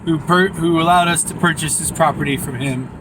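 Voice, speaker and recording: A man's voice: a little high, steady tone, a little fast, noisy background. A man talking casually to his camera as a vlogger, joking and punning as he rambles along. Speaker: vlogger documenting a land purchase. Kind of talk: casual vlog chat.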